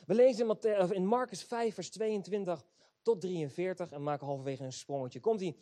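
A man's voice: high-pitched, fairly quick, mellow. A man preaching a sermon, reading scripture aloud and then urging the congregation on.

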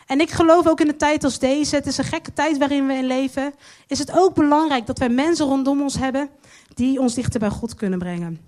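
A woman preaching a sermon, earnest and slowing down to stress her key lines. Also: high-pitched, a little mellow.

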